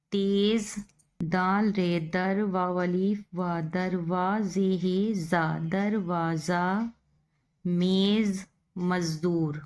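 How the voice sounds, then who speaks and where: A woman's voice: medium pitch, a little mellow. A woman teaching Urdu, spelling words out letter by letter and repeating each one. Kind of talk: slow spelling-out lesson.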